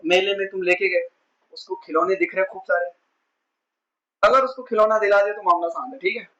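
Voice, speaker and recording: A man with a very high voice teaches physics in a chatty exam-prep lecture. He keeps asking his students rhetorical questions and slips English terms into his talk. The recording sounds dull and lo-fi. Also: fairly bright tone. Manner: mixes English terms into Hindi.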